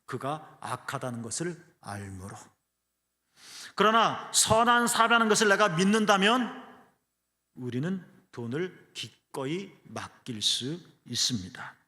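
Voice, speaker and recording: Bright-voiced Korean man preaching in a reverberant hall. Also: very animated, unhurried. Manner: earnest preaching, swings between hushed low phrases and raised emphatic ones. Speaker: pastor. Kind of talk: sermon. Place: church sanctuary. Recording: long church hall reverb.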